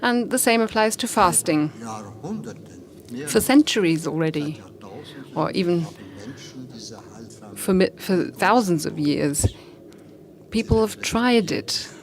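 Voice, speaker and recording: A woman speaking to a group, easing into a fairy-tale parable at an unhurried pace. She pauses often and drops in small fillers as she goes. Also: fairly low pitch, expressive. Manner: slow, pausing, with fillers. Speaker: speaker on fasting. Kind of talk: storytelling talk.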